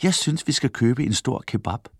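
A man's voice: medium pitch, animated, husky, no echo. A cheeky young son pipes up with a plan, as a male storyteller voices him. It sounds near the reader's own voice, dry and close.

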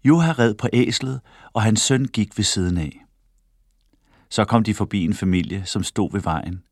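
A man reading a children's story aloud in an expressive way, close to the microphone. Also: fairly low pitch, dry recording. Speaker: storybook reader.

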